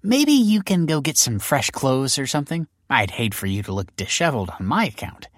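A man's voice: medium pitch, big pitch swings, brisk, no echo, studio quality, voice pushed up. A male audiobook narrator voicing a breezy, mocking female police detective who needles people with sarcastic politeness. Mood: playful. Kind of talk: audiobook character voice.

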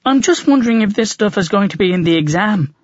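A man's voice: expressive, dry recording, muffled recording. A man voicing a nervous teenage schoolboy with a twangy, fussy voice in an audiobook. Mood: anxious. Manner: nervous, quick and high. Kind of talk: audiobook character voice.

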